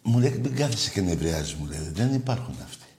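A man's voice: low voice, very animated, darkish tone, roomy sound, slight background noise. A man hosting a call-in radio show, telling stories animatedly and teasing callers. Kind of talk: casual call-in radio chat.

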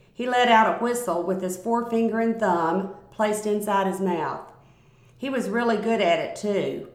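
A woman narrating a first-person story aloud in a calm, measured reading voice. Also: medium pitch. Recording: roomy, echoey recording.

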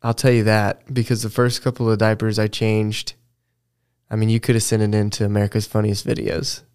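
Teasing man with a clear, low voice. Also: completely flat delivery, a little fast, darkish tone. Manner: teasing, easygoing. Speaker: podcast co-host. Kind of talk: casual chat.

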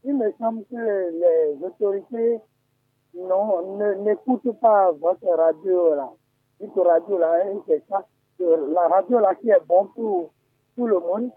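Slow man calling in by phone. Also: sits high, no echo. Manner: slow, repeats himself, plaintive complaints. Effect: phone call line. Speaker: caller to a radio show. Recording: tinny phone line.

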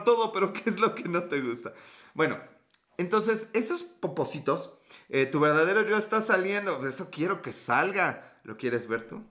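A man's voice: high voice, sharp tone. A man with a Mexican accent hosting a livestream podcast, chatting casually and reading viewer comments with profane, teasing, flirty banter. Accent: Mexican Spanish.

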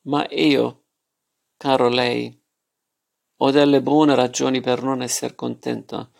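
A man's voice: medium pitch, normal speed, vocal fry, a little mellow. A man reading as a spiteful, talkative mother. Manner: ironic, quarrelsome. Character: middle-aged mother, impulsive, talkative, spiteful.

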